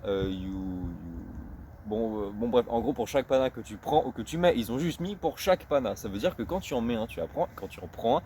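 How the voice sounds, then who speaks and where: Over a faint background hum, a man with a darkish, mid-pitched voice explains something in his casual street football vlog. He pauses a lot and repeats himself as he gropes for words, and he pronounces English phrases with slow, careful self-consciousness.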